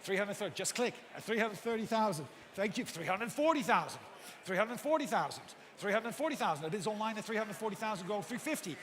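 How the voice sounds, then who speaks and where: A male auctioneer with a very high-pitched voice rattles through bids at a quick clip. He repeats the numbers insistently and courteously prods the bidders for more. His voice rings out across a big, reverberant hall. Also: expressive, fairly bright tone. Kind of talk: live auctioneer bid calling. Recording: echoey hall PA with background noise.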